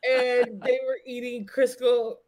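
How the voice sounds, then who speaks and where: A woman in her forties chatting casually as a co-host, telling stories in an animated, chatty way. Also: a little high, slow pace. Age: 40s. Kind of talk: casual chat.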